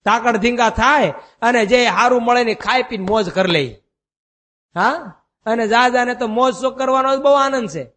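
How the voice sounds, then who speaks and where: Swami preaching, really high voice, folksy storyteller, echo of a big hall. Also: male voice, bright, forceful tone. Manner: chants verses slowly, then explains in a folksy storytelling manner. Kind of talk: Gujarati devotional sermon with storytelling. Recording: long hall reverb.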